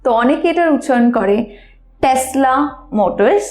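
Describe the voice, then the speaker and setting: A woman's voice: high voice, lively intonation, echoey room. A woman teaching English pronunciation in a lesson, spelling out words letter by letter. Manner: slow, spelling out letters one by one. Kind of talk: spoken language lesson.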